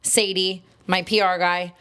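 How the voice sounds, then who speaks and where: A young woman co-hosting a podcast, telling a story in casual chat, rapid and full of fillers, acting out the voices she quotes. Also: lowish voice, little pitch movement, sharp tone. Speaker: podcast co-host.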